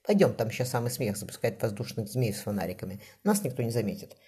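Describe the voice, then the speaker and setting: A man's voice: mid-range voice, very animated, quick pace, warm tone, breathy edge. A man voicing a strong, devoted man speaking tenderly to his beloved in an audiobook.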